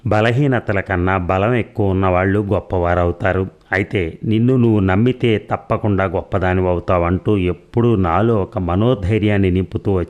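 Low-voiced man narrating an audiobook.

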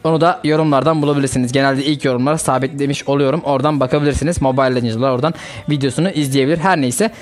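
A young man hosting a gaming channel, chatting casually and reacting excitedly to a mobile fighting game as he plays. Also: medium pitch, racing.

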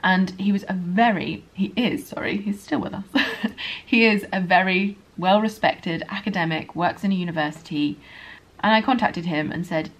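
A woman with a modern received pronunciation accent and a hint of Estuary, an English pronunciation teacher talking quickly and earnestly in a candid vlog. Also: medium pitch. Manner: speaks quickly, earnest and apologetic.

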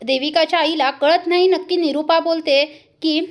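A woman narrating a TV serial recap in a steady, dramatic storytelling manner. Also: very high-pitched, normal speed.

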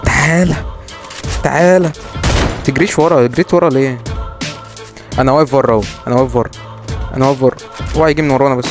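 Young Egyptian man, excitable game streamer, quick teasing commentary over loud game music. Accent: Egyptian Arabic. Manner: excitable, teasing, yelps high when tense. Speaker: gaming streamer. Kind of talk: live gameplay commentary.

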